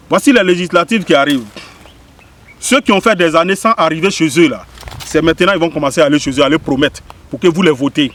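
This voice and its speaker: A man's voice: a little high, fairly bright tone, a little hiss or hum. A man from Ivory Coast with an Ivorian French accent, giving an impassioned address that repeats points and questions the listener. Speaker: spiritual medium giving a public message. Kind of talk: impassioned direct-to-camera address.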